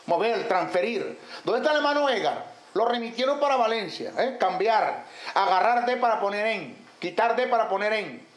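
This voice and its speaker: A man's voice: sits high, a bit bright. A man teaching theology as a Bible teacher, firing rhetorical questions and listing terms emphatically. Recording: echoey room, faint background noise.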